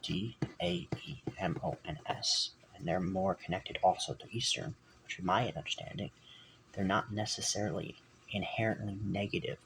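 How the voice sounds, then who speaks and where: A man's voice: sits low, moderate pace, vocal fry, a bit bright, slight background noise, poor audio. A man talking to his camera in a rambling personal vlog, often correcting himself and wandering off topic. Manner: rambling, self-correcting, digressive. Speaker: vlogger. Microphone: camera mic.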